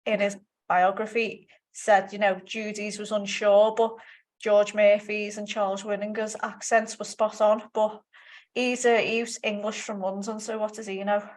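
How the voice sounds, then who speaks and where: A woman's voice: mid-range voice, little pitch movement, normal speed, darkish tone. A woman co-hosting a casual film discussion, rambling and restarting sentences as she gives her opinions. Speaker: podcast co-host.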